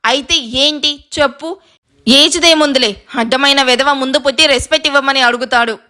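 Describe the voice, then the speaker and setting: A woman reading an audio story, voicing a fiery, sharp-tongued young woman who scolds and teases. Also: sits high. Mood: angry. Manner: scolding, quick-tempered, playful.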